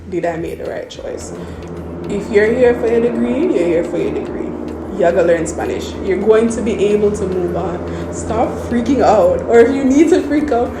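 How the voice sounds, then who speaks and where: A Jamaican woman who is a medical student gives first-year students earnest, reassuring advice, repeating points for emphasis. Her voice is mid-range and the sound is roomy.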